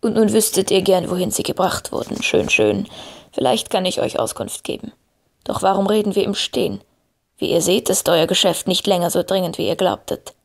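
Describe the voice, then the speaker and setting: A woman voicing an old male wizard who speaks slowly and gravely, calm and wise. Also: medium pitch. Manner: slow, grave, measured speech.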